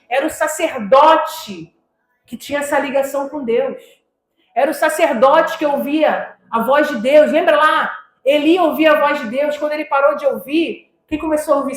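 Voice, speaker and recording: Fervent high-voiced woman preaching in an echoey hall. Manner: fervent, rising to shouts when stirred. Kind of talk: sermon. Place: church. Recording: echoey church hall with music.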